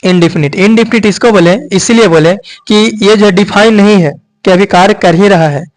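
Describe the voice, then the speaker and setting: A coaching teacher explains grammar in a high, light male voice with a lilt. He keeps tossing questions at his students and answering them himself, and peppers almost every point with a quick check for understanding. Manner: repeats "ठीक है" and "यही ना" often, checking students understand. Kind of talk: grammar lesson.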